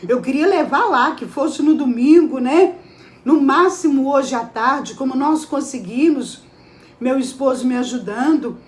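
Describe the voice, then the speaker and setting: A woman's voice: sits high, unhurried, roomy sound. A woman giving a devotional sermon, emphatic and full of rhetorical questions to her listeners. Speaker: preacher. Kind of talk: devotional preaching.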